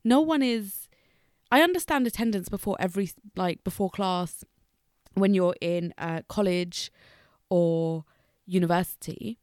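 A young woman in casual conversation, speaking haltingly with long pauses between sentences, many restarts and words that get stuck. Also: lowish voice, no room sound, clean studio sound. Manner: hesitant, with many restarts and fillers.

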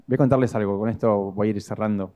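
A man's voice: fairly low pitch, steady tone, fast talker. Dramatic Rioplatense preacher man. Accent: Rioplatense Spanish. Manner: dramatic, swings between loud and hushed. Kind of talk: sermon with storytelling.

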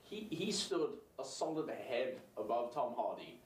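A man's voice: mid-range voice, sing-song, measured pace. A man chatting casually about comics and films, emphatic and repeating points for effect. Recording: roomy, distant mic, faint noise.

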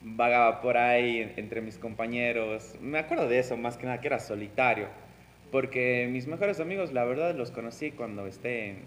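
A man's voice: medium pitch, normal speed, a bit bright, long reverb tail, a little hiss or hum. A young man, chatting casually and fondly about school friends. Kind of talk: casual chat.

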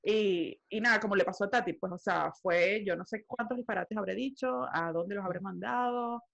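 Woman guest, casual chat, animated storyteller, mid pitch, slightly dull lo-fi sound. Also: moderate pace, creaky. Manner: animated storytelling, acts out her own past lines.

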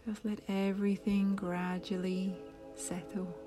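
A woman leading a guided meditation, speaking softly in a half-whisper with long pauses. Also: medium pitch, flat delivery. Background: soft music.

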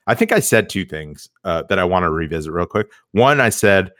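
A man's voice: sits low, lively intonation, fairly bright tone, dry recording, clean studio sound. A man hosting a podcast, reacting to clips with mocking, incredulous commentary. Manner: incredulous, mocking, quick asides. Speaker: podcast host. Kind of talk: sarcastic commentary.

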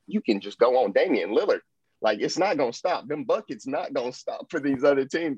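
A man's voice: medium pitch, darkish tone, no room sound. A man talking basketball in a casual sports chat, upbeat and full of hype with plenty of fillers. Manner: enthusiastic, hyping, trails off with fillers. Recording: dull, dry lo-fi sound.

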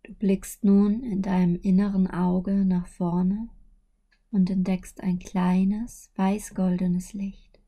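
Slow, breathy woman narrating sleep meditation. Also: mid-range voice, flat delivery. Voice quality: soft, breathy. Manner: soothing, hushed, often near whisper.

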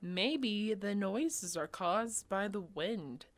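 Woman reading as scared storybook girl, breathless, lively pitch, slow delivery. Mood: frightened. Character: scared young girl investigating a haunted house.

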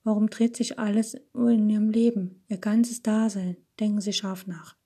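A woman's voice: medium pitch, flat delivery, moderate pace, dark tone, breathy edge. A woman voicing a threatening, fanatical male waiter holding a pistol, hard-edged and menacing.

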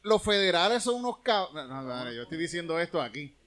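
A man's voice: a little high, very animated, a little fast, a bit bright. A young man with a Puerto Rican Spanish accent, hosting a casual live-stream chat and talking in a rowdy, rambling way with lots of swearing. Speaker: show host.

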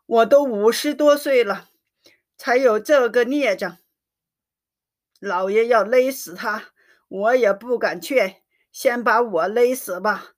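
A woman's voice: a little high, slow, pauses often. A woman voicing a grieving mother in her fifties who pleads through tears. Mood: tearful. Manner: tearful, pleading. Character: grieving middle-aged mother, tearfully pleading.

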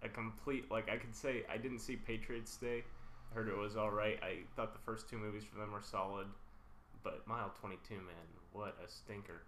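A man's voice: lowish voice, steady tone, normal speed, fairly bright tone, echoey room, a little hiss or hum. A man co-hosting a film podcast, chatting casually and with strong opinions, trailing off into fillers. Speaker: podcast co-host.

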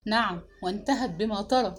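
A woman's voice: mid-range voice, brisk, slight background noise, natural voice. A woman reading the part of a flustered mother, choked with tears and pleading. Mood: tearful. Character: tearful, flustered older mother. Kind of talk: dramatic novel narration.

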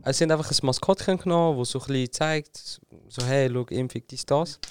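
A man's voice: mid-range voice, fast, a little mellow, slight background noise. A young man with a Swiss German accent, co-hosting a podcast and telling a story casually with slang and fillers. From Switzerland. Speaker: podcast co-host. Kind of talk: casual chat.

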